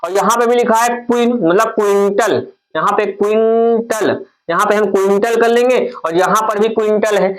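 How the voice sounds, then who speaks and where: A man's voice: high voice, moderate pace, hardly any pauses, over a noisy crowd, low-quality recording. A man teaching memory tricks, repeating points and asking and answering his own questions. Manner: addresses viewers as friends. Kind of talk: explaining memory tricks for a general studies lesson.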